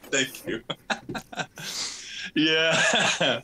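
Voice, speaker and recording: Male guest, unhurried and laid-back, laughs a lot, bright forward tone. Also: fairly high pitch, a little hiss or hum. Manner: laid-back, laughs often, drawls words. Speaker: drummer and interview guest. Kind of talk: casual interview chat.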